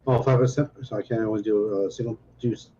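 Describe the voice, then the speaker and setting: A man playing a tabletop game, thinking his moves out loud and a little unsure. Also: fairly low pitch, steady tone, fast talker, lo-fi sound, a little hiss or hum. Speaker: player. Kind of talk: casual tabletop game chat.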